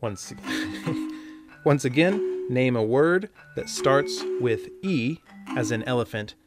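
A man's voice: medium pitch, animated, slow. A man hosting a puzzle podcast in a conversational way with wry, jokey asides, recorded in a small closet. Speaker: podcast host. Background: music.

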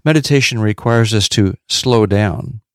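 Low-voiced man teaching devotional lessons. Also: clear, resonant tone, no room sound, studio quality. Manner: measured, repeats key points for emphasis. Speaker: podcast Bible teacher.

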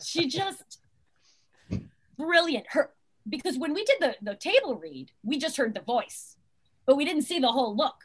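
Woman, actress guest, bright high voice, giggly and rambling. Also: moderate pace, pauses often. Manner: laughing, excitable, rambling. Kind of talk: animated anecdote telling.

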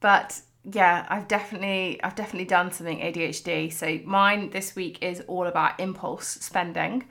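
A woman's voice: fairly low pitch, steady tone, moderate pace, vocal fry, hardly any pauses, fairly bright tone. A woman co-hosting a podcast in casual chat, rambling and chatty with lots of filler words. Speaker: podcast co-host.

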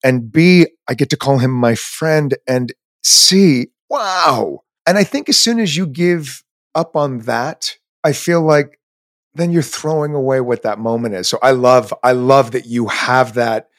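Animated chatty male interview host. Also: mid-range voice, no echo. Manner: animated and gushing, quick to laugh.

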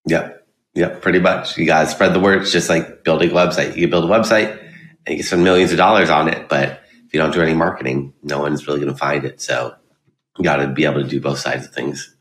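A man's voice: a bass voice, fairly even intonation, quick pace, fairly bright tone. A man answering as a podcast guest in a plain, matter-of-fact conversational way, recorded with a roomy echo. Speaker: podcast guest, digital marketing expert. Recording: roomy, echoey sound.

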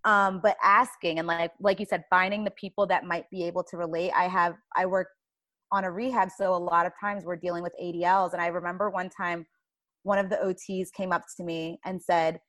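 A woman's voice: fairly low pitch, flat delivery, brisk, a bit bright, no room sound. A woman speaking informally and thoughtfully in a conversational panel discussion, explaining things as she goes. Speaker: child life specialist, guest.

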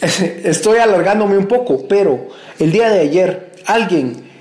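A man's voice: high-pitched, lively intonation, measured pace, darkish tone, roomy sound. A man, a pastor, giving an earnest, conversational church message.

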